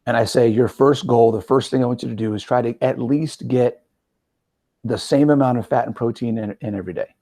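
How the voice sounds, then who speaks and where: Gravelly-voiced man in his forties. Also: medium pitch, fairly quick. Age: 40s. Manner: energetic, conversational, frequent "right?" asides. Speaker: podcast host and metabolic coach. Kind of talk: casual interview chat.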